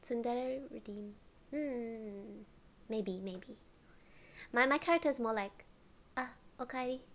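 A woman streamer chatting casually, giggling often and drifting into soft whispers. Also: on the high side, slow.

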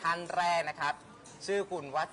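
A man's voice: moderate pace, sharp tone. A man hosting a live stream in a playful, bantering way, full of exclamations. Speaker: live show host.

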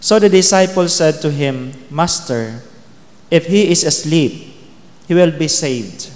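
A man's voice: fairly high pitch, unhurried. A man in his forties, a priest, solemnly reading scripture at a lectern microphone in a chapel. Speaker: priest proclaiming the Gospel. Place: chapel, indoors. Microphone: gooseneck lectern microphone. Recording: long chapel reverb.

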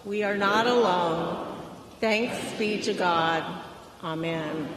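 A woman at a pulpit microphone leading a congregation through a spoken creed in a church service, in a measured liturgical way. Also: lowish voice, loud music behind the voice. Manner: slow, measured liturgical recitation. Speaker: worship leader. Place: large church sanctuary. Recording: echoey sanctuary with long reverb and a crowd. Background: congregation reciting along.

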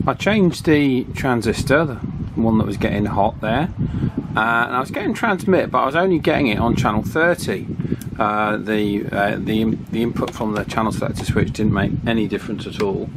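Here a man with a lowish voice talks at normal speed, casually showing a hands-on repair and voicing his thoughts with some hesitation. He's an electronics repair hobbyist in a small indoor office workshop, recorded clearly with table fan wind in the background.

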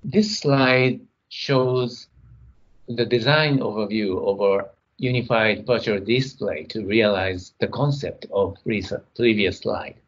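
A middle-aged man giving a technical conference keynote from his computer, speaking in a measured way as he talks through his slides. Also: on the low side, muffled recording. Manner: measured, reading slides, some non-native grammar.

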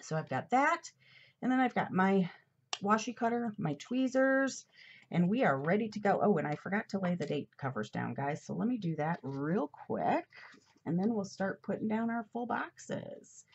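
A middle-aged planner vlogger decorates her planner at a desk indoors, chatting in a rambling, casual way full of fillers and asides. She's a little congested, with an expressive, husky mid-range voice at normal speed. The overhead camera mic gives a muffled recording.

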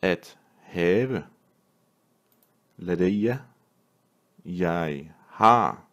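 A man, a language teacher, reading a vocabulary list word by word with pauses and repeating each phrase. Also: low voice, lively intonation, fairly bright tone. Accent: Danish. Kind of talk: slow vocabulary drill reading.

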